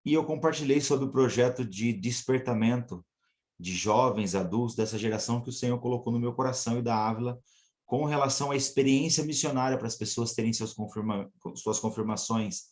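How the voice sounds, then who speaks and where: A male missionary telling his church about his calling in an earnest, measured way. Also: mid-range voice, a little mellow. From São Paulo state, Brazil. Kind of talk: church testimony.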